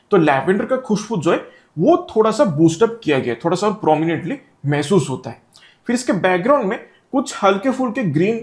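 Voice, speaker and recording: High-voiced man reviewing perfumes. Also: a little mellow. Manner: explanatory, mixing Hindi and English. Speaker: fragrance reviewer. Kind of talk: product review talk to camera.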